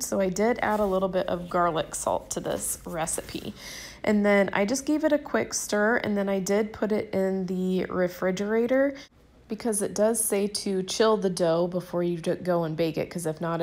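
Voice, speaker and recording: A woman's voice: mid-range voice, darkish tone. Chatty Southern woman narrating her cooking. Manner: chatty, upbeat, addresses viewers as "you guys". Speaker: cooking vlogger. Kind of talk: casual voice-over narration.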